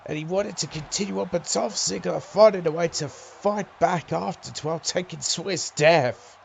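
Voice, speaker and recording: A man calling wrestling play-by-play as a commentator, excitable and exclamatory, drawing out his calls on big moves. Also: high voice, moderate pace, vocal fry, a little hiss or hum.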